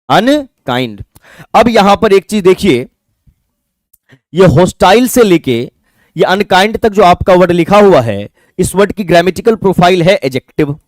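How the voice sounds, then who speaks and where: High-voiced man teaching English. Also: no echo, clean studio sound. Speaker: English teacher for exam prep. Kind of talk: classroom lecture.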